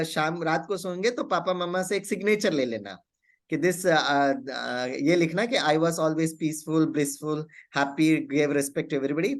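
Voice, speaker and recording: High-voiced man telling a story. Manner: mixes Hindi with slow, deliberate English phrases. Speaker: spiritual speaker. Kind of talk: storytelling talk.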